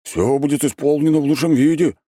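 A keen young country fellow, played by a male reader offers help with simple, rustic eagerness. His voice sits much higher than the narrator's deep tone and sounds set apart in timbre. The recording is dry and close. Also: fairly quick, mellow, no room sound, close to an everyday voice. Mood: eager. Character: eager young village man, helpful servant.

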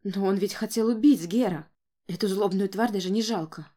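Female reader as an older noble grandmother, high and loud, easily alarmed. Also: normal speed, lightly acted. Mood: bitter, agitated. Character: anxious noble grandmother, quick to panic.

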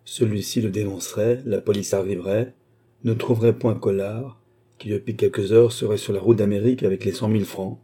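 A man voicing a cold, scheming aristocratic baronet who speaks calmly and smoothly in an audiobook. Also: lowish voice, a little fast. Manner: calm, cool and smooth.

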